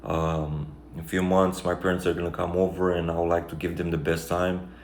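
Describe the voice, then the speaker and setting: Deep flat-voiced Romanian man. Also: brisk. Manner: reflective, rambling, many fillers. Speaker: vlogger. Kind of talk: casual life-update monologue. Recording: echoey room, faint background noise.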